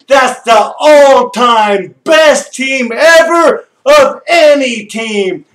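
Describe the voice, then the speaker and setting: A raspy, middle-aged man with a strikingly high voice hollers like a die-hard fan at a game. He takes his time and stretches his words out. The sound is roomy and echoey, with guitar playing behind him. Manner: loud, brash, hollering. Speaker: sports fan vlogger. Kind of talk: rowdy fan video with shouting and singing. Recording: echoey room with guitar music.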